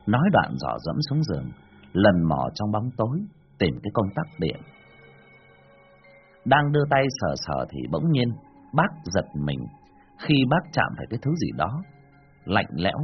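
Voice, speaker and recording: A man narrating a ghost story in a dramatic, animated storytelling manner. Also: lowish voice, moderate pace, dull audio, faint music behind.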